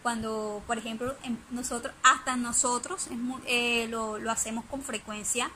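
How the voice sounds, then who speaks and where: A woman's voice: fairly high pitch, steady tone, normal speed, pushed and bright, slight background noise, low-quality recording. A woman giving a spoken lesson presentation, hesitant, with many fillers and restarts.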